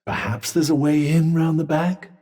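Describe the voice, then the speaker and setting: An actor with a British accent voicing an urbane, dry-witted, sardonic magic cuff in a video game, speaking in a formal, articulate way. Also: male voice, on the high side, level tone, normal speed, mellow, lightly acted. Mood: measured advising. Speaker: video game companion character. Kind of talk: scripted game dialogue.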